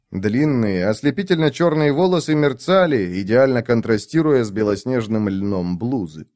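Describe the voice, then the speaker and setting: A man narrating an audiobook in an expressive storytelling manner. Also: medium pitch, no echo, clean studio sound.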